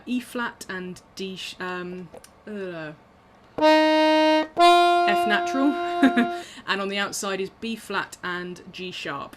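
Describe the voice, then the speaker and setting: This woman has a lowish, slightly bright voice. She's a musician on a video call, casually walking through her instruments in a chatty, self-mocking way, dotted with ums and little laughs.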